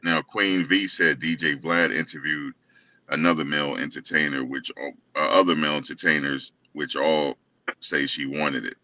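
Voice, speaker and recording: A man with a very deep voice and a bright edge on top talks through a casual commentary chat. He picks his way along with fillers and restarts. He sits well back from the mic, and the sound is dull and muffled. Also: steady tone, moderate pace, far from the mic. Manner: loose, hesitant, with many fillers and restarts. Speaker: co-host.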